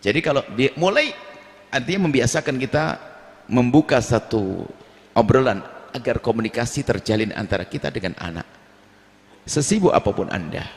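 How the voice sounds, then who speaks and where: A man preaching a sermon on family life, animated, now and then acting out quarrelling relatives in a raised voice. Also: moderate pace, long pauses. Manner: animated, acts out quarrelling family members in a high voice. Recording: long hall reverb.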